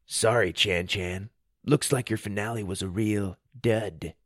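A man's voice: medium pitch, expressive, moderate pace, vocal fry, fairly bright tone, no echo, clean studio sound. A man voicing a smug, cocky boy hero who drawls teasing taunts. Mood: taunting.

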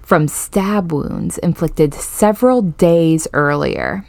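A woman's voice: on the low side, takes it slowly, vocal fry, darkish tone, dry recording. A woman co-hosting a podcast in casual, playful banter, recorded inside a small closet. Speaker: podcast co-host. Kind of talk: casual chat.

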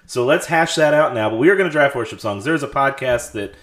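A man's voice: mid-range voice, expressive, fairly quick, fairly bright tone. A man hosting a casual group podcast chat, his voice echoing around an indoor room. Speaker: podcast host. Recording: echoey, roomy sound.

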